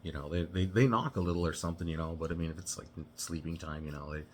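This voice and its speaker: Low-voiced man telling a rambling story. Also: a little hiss or hum. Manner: rambling, halting, full of restarts and "you know". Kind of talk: casual personal storytelling.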